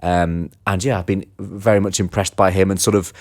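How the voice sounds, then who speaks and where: A man's voice: low-pitched, level tone, brisk, dry recording, clean studio sound. A man co-hosting a podcast, chatting about cricket in a teasing way with lots of fillers. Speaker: podcast co-host. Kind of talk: casual cricket chat.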